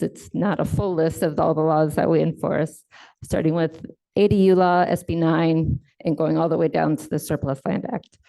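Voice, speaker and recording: A woman on state housing enforcement staff, giving a conference presentation from slides and explaining in a measured way, with fillers and self-corrections. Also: low-pitched, gravelly, dark tone.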